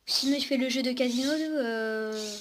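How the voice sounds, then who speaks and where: Her voice on the high side and her pace moderate, a young vlogger chats with a toy robot and her audience in a casual unboxing-style demo. She's at home with a cat on her lap, and the recording is noisy.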